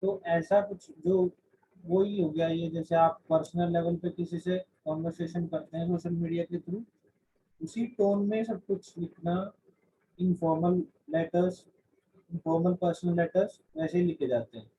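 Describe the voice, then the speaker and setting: A man's voice: sits high, fairly even intonation, measured pace, dark tone, breathy edge. A man teaching a class, explaining in Hindi mixed with English terms and often restarting his sentences. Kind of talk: classroom lecture. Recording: dull lo-fi recording.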